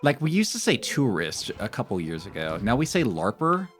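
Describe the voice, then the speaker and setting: Male game streamer, casual and musing, lowish voice with animated swings, faint music underneath. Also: moderate pace. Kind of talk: casual chat while gaming. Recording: music behind the voice.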